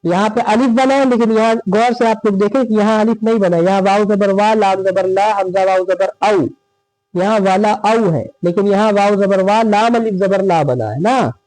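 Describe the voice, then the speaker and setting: A man with a high but mellow voice teaches Quran reading step by step. He drags out each example word slowly and keeps asking if it is clear. The sound is dry and close, with no room echo. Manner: drawn-out demonstration of words, frequent checking "theek hai". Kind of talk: slow step-by-step recitation lesson.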